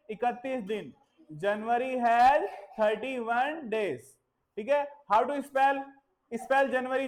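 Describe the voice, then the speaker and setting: Woman village schoolteacher, slow and deliberate, repeats words over and over, switches between Hindi and English. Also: a little high, low-quality recording. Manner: drills pronunciation by patient repetition; mixes English phrases into Hindi. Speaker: teacher. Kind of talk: classroom lesson.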